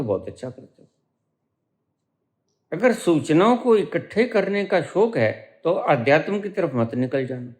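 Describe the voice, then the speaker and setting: A middle-aged man giving a spiritual discourse as a teacher, preaching slowly and emphatically with dramatic pauses and rising stresses. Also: sits high.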